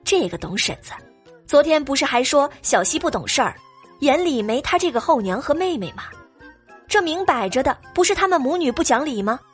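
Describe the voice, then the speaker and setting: A woman's voice: high voice, very animated, fairly quick, soft background music. A woman narrating an audio drama expressively.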